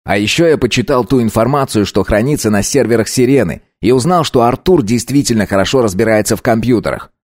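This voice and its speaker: A man reading an audiobook, voicing a calm, sardonic young man in his own voice. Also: mid-range voice, fast talker, hardly any pauses, no room sound, natural voice. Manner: calm, dry. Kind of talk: audiobook character voice.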